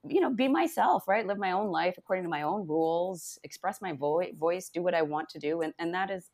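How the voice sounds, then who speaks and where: A woman's voice: on the low side, lively intonation, brisk, darkish tone. A woman who co-hosts a podcast, talking casually as a guest and laughing often between phrases. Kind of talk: casual conversation.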